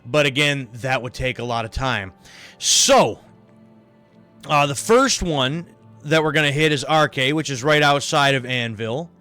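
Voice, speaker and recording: A tired male streamer talks slowly through his gameplay, rambling and searching for words. His voice is bright and crisp, a little high, caught close on a livestream headset mic. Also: lively intonation, faint music behind. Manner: rambling, thinking aloud with many fillers. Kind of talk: casual gameplay commentary.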